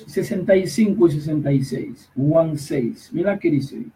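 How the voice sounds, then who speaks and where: A man preaching a sermon online, reading scripture aloud in halting pieces and emphatically challenging listeners to check their own Bibles. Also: fairly high pitch, mellow, recorded from a distance, a little hiss or hum, poor audio. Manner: reads scripture aloud slowly with halting pauses.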